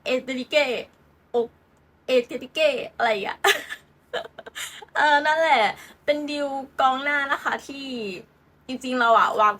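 Bright, giggly young woman chatting football. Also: high voice, takes it slowly. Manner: chatty and giggly, with many fillers and playful asides. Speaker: football channel host. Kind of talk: casual football transfer chat.

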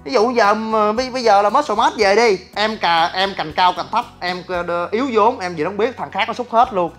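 A man, a gym business owner ranting to his viewers in a blunt, crude and animated way and often asking "right?". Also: sits high, fairly quick, soft background music. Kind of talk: casual ranting talk to viewers.

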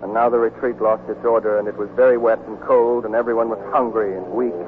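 A muffled, noisy 1949 radio broadcast carries an actor voicing a weary American army deserter who narrates his wartime love story in grim tones. His voice sits lowish and close to everyday speech, with fairly even intonation and a fast pace.

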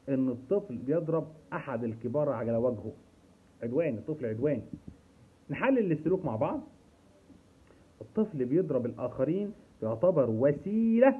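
A man's voice: a little high, husky. A man speaking in an Egyptian Arabic accent, a special education specialist explaining patiently to parents and repeating key points. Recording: tinny phone-like sound.

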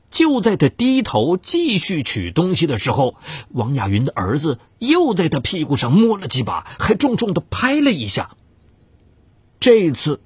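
A man's voice: breathy edge, no echo. A man narrating a dramatized true-crime story in a theatrical, suspenseful way. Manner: theatrical, swings of pitch for suspense.

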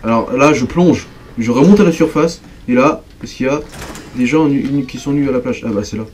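A young man commenting on a horror game as he plays, jumpy and excitable, talking straight to his viewers. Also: medium pitch, brisk, a little hiss or hum. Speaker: gaming video creator. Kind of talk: let's play commentary.

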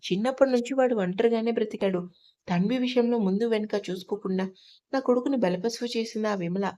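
A bitter, grieving mother pours out her hurt and reproach. A woman storyteller voices her in her own slightly high voice. It is a plain narrated audio story, not full acting. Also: fast, dark tone, close to an everyday voice. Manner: anguished, accusing.

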